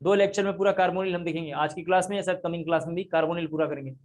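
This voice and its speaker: High-voiced man teaching chemistry. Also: fairly even intonation, very fast. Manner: explains step by step, repeats key points. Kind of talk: classroom lecture. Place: classroom.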